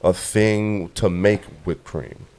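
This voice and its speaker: A man's voice: deep voice, fairly even intonation, takes it slowly, darkish tone, clean tone. A man chatting casually on a podcast, swearing and explaining the news. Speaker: podcast co-host. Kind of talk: casual chat.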